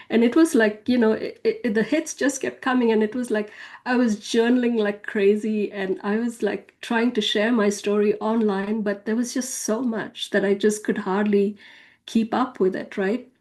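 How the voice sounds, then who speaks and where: A woman with a mellow, warm voice tells her personal spiritual story. She talks in a loose, conversational way and leans on fillers. Now and then she lifts her voice to act out what others said. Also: medium pitch. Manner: chatty, loose, full of fillers like "you know" and "if you will"; acts out quoted speech with a raised voice. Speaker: spiritual author and channel guest.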